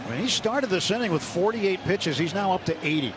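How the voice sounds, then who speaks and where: This American man calls a baseball game live for radio, his high voice animated and slightly fast. He's working from a stadium broadcast booth, and the sports commentary comes through on a noisy live ballpark feed.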